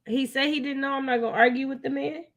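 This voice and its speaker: An American woman co-hosts a live book readalong discussion, chatting casually but opinionated and emphatic, often repeating phrases to drive a point home. Her voice is high, bright, and steady, and she talks fast.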